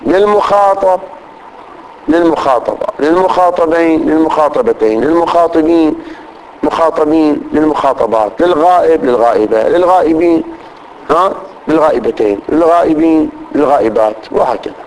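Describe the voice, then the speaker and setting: A man teaching grammar to a class, reciting lists of pronouns slowly and often checking that students follow. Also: on the high side, a little mellow, poor audio. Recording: faint background noise.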